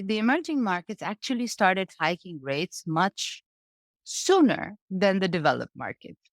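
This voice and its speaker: A woman from Bangladesh speaks as an interview guest and explains the economy in an easy, conversational way. Her voice sits a little low, and she keeps checking in with her listener. The sound is dry and close. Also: no echo. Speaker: guest market analyst. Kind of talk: interview answers on markets.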